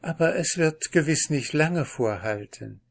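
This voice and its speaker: A man reading a fairy tale aloud, voicing a gentle young princess who speaks softly. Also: on the high side, expressive, unhurried, gravelly, pitched above the performer's own voice, heavily acted. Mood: coy. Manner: soft, quiet delivery.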